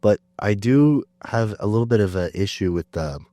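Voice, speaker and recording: A man's voice: on the low side, expressive, moderate pace, warm tone, no room sound. A man hosting a podcast, chatting casually with many fillers and restarts. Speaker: podcast host. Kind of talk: casual conversation.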